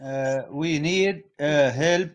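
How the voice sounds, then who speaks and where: A young man from North Syria, appealing to livestream viewers in simple, halting English, recorded on a phone at home during a video call. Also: a little high. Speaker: livestreamer asking viewers for support. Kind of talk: live-stream appeal in broken English. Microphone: phone in a live video call.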